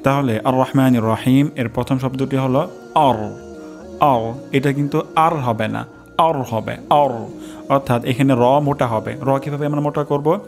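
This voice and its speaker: A man teaching recitation pronunciation in a slow, careful lesson, repeating each sound to demonstrate it. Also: medium pitch, steady tone, a little mellow, soft background music.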